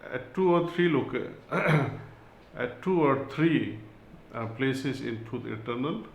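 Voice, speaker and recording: A man giving a spiritual talk and reading aloud, in a slow, measured way with long pauses. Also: mid-range voice, creaky, echoey room, slight background noise, low-quality recording. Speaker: spiritual teacher.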